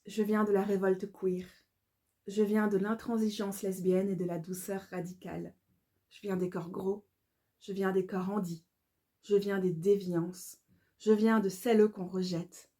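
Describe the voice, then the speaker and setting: A woman, calmly reading her own devotional poetry aloud in a measured, incantatory way. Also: mid-range voice. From Belgium. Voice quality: calm, measured, incantatory delivery.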